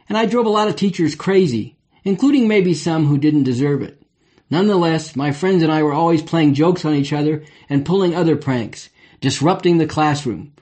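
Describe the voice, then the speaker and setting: A man's voice: a little high, a little mellow, breathy edge. An older man reading his memoir aloud in a wry, reflective way. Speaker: memoir narrator.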